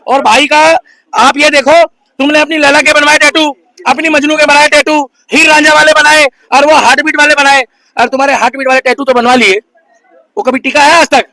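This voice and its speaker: High, bright-voiced preachy man. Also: little pitch movement, fairly quick, no echo, low-quality recording. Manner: preachy, mocking, addresses absent critics. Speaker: bystander interviewee. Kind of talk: impassioned street interview.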